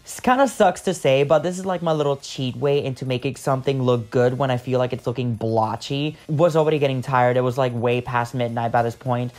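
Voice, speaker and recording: A man's voice: medium pitch, fairly quick, few pauses, a little mellow. Man, casual voice-over, chatty, rambling, lots of fillers, home recording. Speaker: makeup artist.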